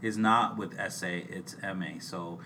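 A man's voice: low voice, fairly even intonation, a little slow, pushed and bright, recorded from a distance. A man co-hosting a podcast in casual chat, rambling along with frequent restarts. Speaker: podcast co-host. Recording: off-mic with faint background hiss.

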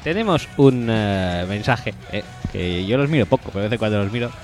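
A man's voice: on the low side, lively intonation, a little fast, darkish tone, faint music behind. A man co-hosting a podcast, joking, swearing freely and mocking listener comments. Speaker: podcast co-host. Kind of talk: casual podcast banter.

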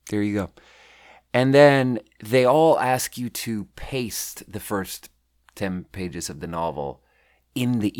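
A man in his thirties from Sweden, chatting casually as a podcast host, rambling and self-deprecating as he reads out his own writing. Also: lowish voice. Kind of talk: casual chat.

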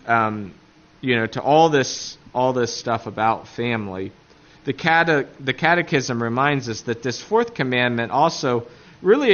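A man with an Appalachian accent giving a religious lecture point by point, haltingly searching for words. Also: mid-range voice, a bit bright, lo-fi sound. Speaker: catechism teacher.

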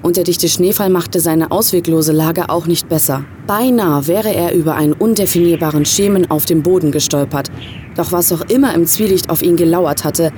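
A woman's voice: fairly low pitch, noisy background. A woman narrating a horror short story with tense, atmospheric storytelling. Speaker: story reader.

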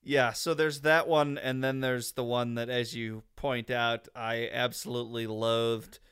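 A man's voice: medium pitch, level tone, a little slow, fairly bright tone, smooth. A man co-hosting a horror film podcast, sardonic and exasperated in casual chat. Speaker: podcast co-host.

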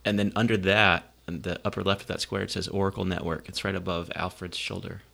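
A man co-hosting a podcast in casual chat, with dry, measured, pointed remarks. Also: deep voice, flat delivery, vocal fry, fairly bright tone. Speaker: podcast co-host.

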